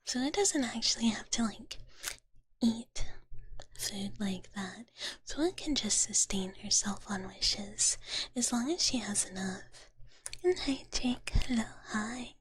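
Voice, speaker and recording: A woman streams ASMR live as a virtual dragon big-sister persona, whispering breathily and mostly unvoiced, close to the mic. She chats gently and playfully with viewers, referring to herself in the third person. Her voice is a little high with lively intonation, and she takes it slowly.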